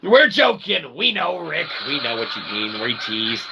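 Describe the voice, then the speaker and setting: Speaking fairly high and a little slowly, with big swings in pitch, this man runs a live stream in a long-winded, pseudo-formal style, frequently checking in with a quick "okay?". You can plainly hear background noise and the sound of the room.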